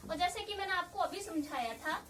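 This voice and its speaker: A woman teaching a grammar lesson, explaining slowly and patiently and repeating key points. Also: extremely high pitch, distant mic, very noisy. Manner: patient, repeats key points, often says "theek hai".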